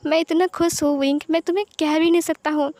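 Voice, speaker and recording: A woman's voice: extremely high pitch, steady tone, fast talker, darkish tone, no room sound. A woman voicing a young man who is a tender, devoted husband, speaking affectionately and coaxingly.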